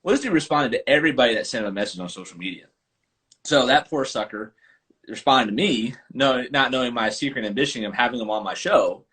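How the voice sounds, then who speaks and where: A man, a golf coach and podcast host, telling stories in an animated casual chat over a live video call. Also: mid-range voice, fast talker. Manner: animated, chatty storyteller.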